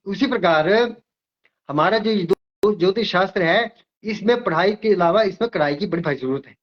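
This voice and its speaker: An older astrologer from Himachal Pradesh speaks in a high-pitched voice, lecturing emphatically and repeating himself as he explains. The audio is dull and lo-fi. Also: moderate pace. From Himachal Pradesh, India. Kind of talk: interview.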